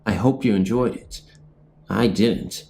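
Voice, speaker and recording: A man's voice: on the low side, unhurried, vocal fry, mellow, a little hiss or hum. A man reading spooky family ghost stories aloud, then talking in a rambling, self-deprecating way as host. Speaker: channel host and storyteller.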